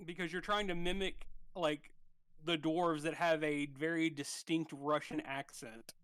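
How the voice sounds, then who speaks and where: A man narrating as dungeon master, his voice sitting a bit high for a man. He talks loosely, with plenty of fillers and restarts, and the sound is dry and close. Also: fairly even intonation, measured pace, a bit bright, smooth, no echo. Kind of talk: narrating a tabletop game.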